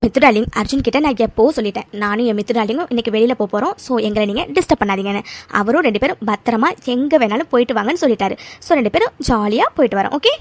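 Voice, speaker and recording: A woman's voice: fairly high pitch, lively intonation, rapid-fire, dry recording. A woman voicing a chatty, fond young woman in a cartoon. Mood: breezy.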